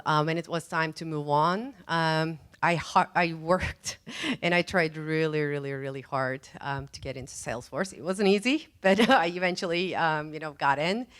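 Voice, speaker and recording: A woman in her forties from Turkey talks through her career at a meetup panel. Her voice sits low and comes across smooth and clean. She speaks into a handheld mic in a relaxed, chatty way, with many fillers. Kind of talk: casual personal story at a panel. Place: meetup event room.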